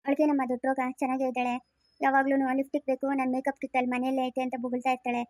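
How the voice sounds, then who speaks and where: A woman's voice: high voice, flat delivery, very fast, darkish tone, no room sound, studio quality, lightly acted. A woman playing a firm but kind policewoman who talks sternly and comforts like an elder sister in a family moral drama.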